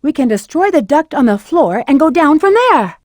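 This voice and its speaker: Rouge the Bat, very high-voiced sassy game heroine. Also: female voice, very animated, moderate pace, darkish tone, no room sound, clean studio sound. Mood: cool, musing. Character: flirty, cool-headed female bat treasure hunter, adult. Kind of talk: video game voice acting, short in-game hints and callouts.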